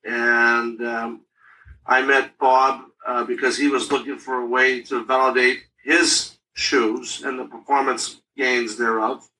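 A man in his sixties from Canada, speaking as a podcast guest in a businesslike way, with a bright, edgy tone. He pauses often on "uh" while he talks. His voice sounds set back from the mic, with a faint hiss behind it. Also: mid-range voice, level tone, recorded from a distance, low-quality recording. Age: 60s. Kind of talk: casual interview.

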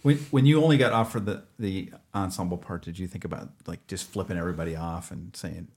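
A man's voice: low voice, fast, a little mellow. A man in a casual group chat who cracks dry jokes. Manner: dry joker.

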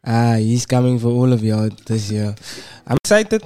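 A man's voice: medium pitch, level tone, normal speed, dark tone, clear, resonant tone, no echo. A man hosting casually, slangy and full of short repeated hype interjections. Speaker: radio show host.

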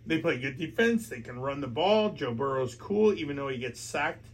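Drunk American man talking sports, higher-pitched voice. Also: expressive, moderate pace. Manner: emphatic, repetitive, stumbling over words. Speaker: sports talk show host. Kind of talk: casual sports chat. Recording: clear background noise.

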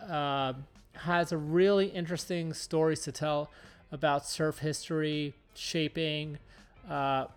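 Man, podcast host, laid-back, rambling with fillers, higher voice. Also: takes it slowly, clean tone, soft background music. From Southern California. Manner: relaxed, filler-heavy rambling. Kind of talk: casual podcast intro and interview.

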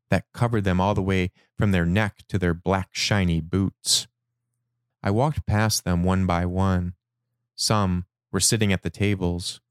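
A man slowly reading his personal dream journal aloud in a measured, reflective way. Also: sits low, clean tone, dry recording, studio quality. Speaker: narrator.

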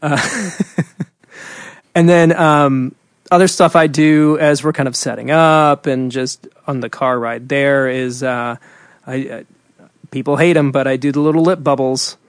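A man co-hosting a casual chat, explaining singing and warm-ups in a rambling way with many fillers and restarts. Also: medium pitch, fairly even intonation, measured pace, smooth, dry recording, studio quality. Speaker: singer and podcast co-host.

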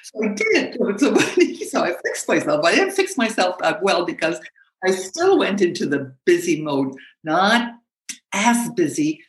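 A middle-aged woman, a speaking coach, talking animatedly as an interview guest, with frequent laughs and halting restarts. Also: lowish voice, very animated, reverberant. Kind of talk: conversational interview.

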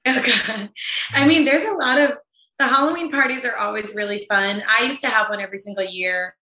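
Woman, interview guest, laid-back and chatty, bright tone, roomy video-call sound. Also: fairly high pitch, brisk. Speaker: guest, event planner. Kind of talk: casual interview chat. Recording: echoey room.

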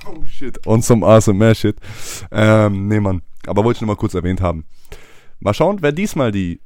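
A man's voice: on the low side, lively intonation, moderate pace, a little mellow. A young man in his twenties co-hosting a podcast in casual, slangy, rambling chat, laughing often. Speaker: podcast co-host.

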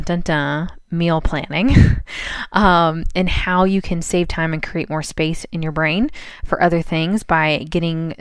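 A woman's voice: deep voice, clear, resonant tone, no room sound. A woman hosting her own podcast in casual chat, stuffed up with a cold, chatty with many fillers and restarts. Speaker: podcast host.

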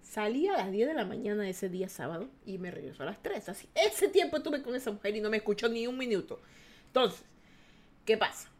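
A young woman hosting a podcast, telling a story in casual chat with a dramatic, animated delivery, acting out what others said and swearing, then censoring herself. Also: mid-range voice, a little fast. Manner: animated, dramatic, acts out quoted voices. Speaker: podcast host.

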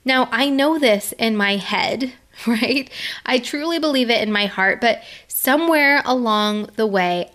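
A woman's voice: a little high, unhurried, a bit bright. A middle-aged woman giving an earnest, conversational faith-based motivational talk, laughing now and then.

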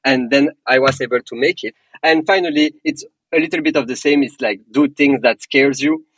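A Belgian startup co-founder with a French accent answers podcast interview questions earnestly and motivationally, making small non-native grammar slips. His medium-pitched voice is fairly bright and slightly rough, at normal speed, in a dry, poor-quality recording.

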